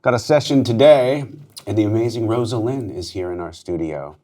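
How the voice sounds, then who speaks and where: A man's voice: on the low side, brisk, dark tone. A man hosting a radio interview in a station studio, upbeat and talking with many fillers. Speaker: radio host.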